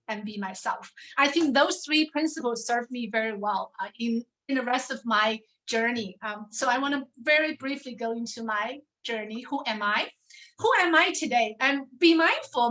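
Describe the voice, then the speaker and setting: A woman's voice: on the high side, poor audio. A woman in her forties from China, a professor telling her life story on a video call and often asking "right?". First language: Chinese. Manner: warm storytelling, tag questions like "right?". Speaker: professor and panel speaker. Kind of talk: personal presentation on a video call.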